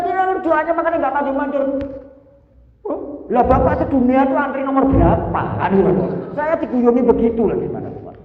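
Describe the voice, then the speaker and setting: Older man preaching in an echoey hall. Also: high voice. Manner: lively, jokey, questions the audience. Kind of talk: sermon. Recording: echoey hall, far from mic, tinny.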